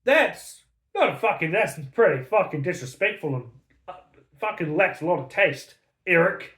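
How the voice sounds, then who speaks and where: A man's voice: sits high, expressive, moderate pace, a bit bright, roomy sound. A man giving a casual, angry, sarcastic book review full of swearing.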